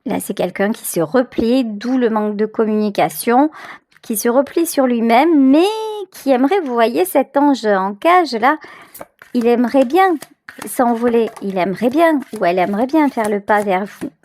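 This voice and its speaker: A tarot reader hosting her channel speaks to the viewer in a fairly high, slightly mellow voice at a moderate pace, with a little hiss or hum. Her commentary is intuitive and improvised, feeling through phrases with emphatic repetitions.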